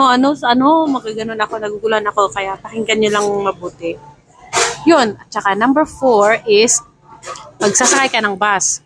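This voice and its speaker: A woman's voice: medium pitch, low-quality recording. A woman from the Philippines chatting casually as she explains travel phrases, laughing at her own confusion and mimicking vendors' calls.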